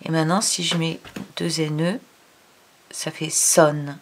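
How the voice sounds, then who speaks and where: A woman's voice: sits low, flat delivery, takes it slowly, slight background noise. A woman giving a reading lesson to a child, sounding out syllables and explaining patiently. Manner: addresses the child directly. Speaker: reading teacher.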